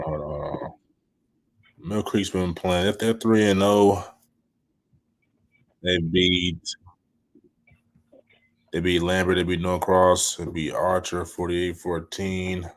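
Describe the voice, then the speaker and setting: A man's voice: sits low, fairly even intonation, takes it slowly, long pauses. A man, co-hosting casual sports talk in a laid-back, friendly way. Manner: laid-back, calls partner brother. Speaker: co-host.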